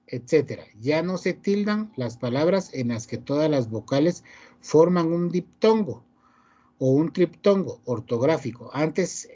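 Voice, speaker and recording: A male teacher lectures in a mellow, relaxed voice, reading rules aloud and then explaining them. He often ends a phrase with a quick question to check that students follow. The recording sounds dull and lo-fi. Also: a little high. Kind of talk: online class lecture.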